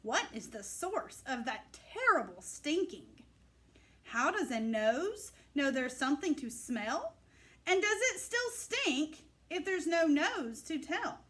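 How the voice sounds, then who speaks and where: A woman reader acts out a curious little girl scientist from a storybook. The voice is high and lively, with eager, emphatic questions that swing up and down. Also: slow pace, heavily acted. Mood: excited, puzzled. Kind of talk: storybook character voice.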